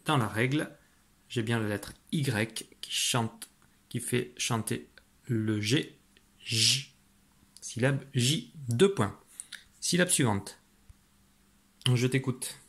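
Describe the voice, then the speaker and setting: A man with a medium-pitched voice teaches young children French letter sounds. Patient and encouraging, he spells out letters and syllables slowly and praises the listener throughout this phonics lesson.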